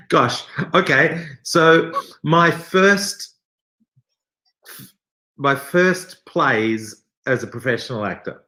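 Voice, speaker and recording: A theater actor in his forties, interviewed as a guest, tells casual anecdotes in a jokey, self-deprecating way, animated in his storytelling. His mid-range voice has a sharp tone, and he speaks very slowly with frequent pauses, in a roomy, echoey recording.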